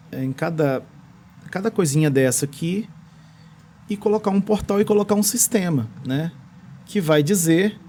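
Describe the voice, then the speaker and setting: A man's voice: fairly high pitch, darkish tone, a little hiss or hum. A man with a Brazilian accent explaining technology as a podcast guest in a studio, restarting phrases as he searches for words. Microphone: studio microphone.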